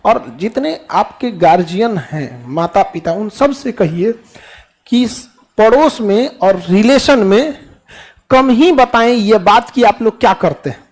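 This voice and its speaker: A man's voice: high voice, expressive, measured pace, darkish tone. A middle-aged man giving a classroom motivational talk to students, full of rhetorical questions and playful mimicked dialogue. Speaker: teacher addressing students.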